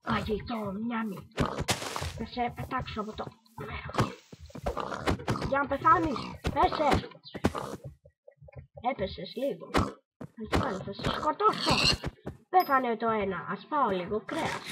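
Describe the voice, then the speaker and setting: A woman's voice: a little high, lively intonation, pauses often, very noisy. A woman casually commenting while she plays a video game, in a playful, sing-song way, slipping into English phrases. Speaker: gameplay channel host.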